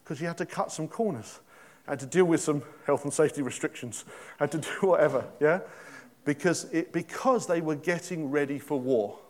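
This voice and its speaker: A middle-aged man gives a sermon in a relaxed, conversational manner. He asks his listeners questions and throws in jokes as he goes. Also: a little high, normal speed. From Britain. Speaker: pastor.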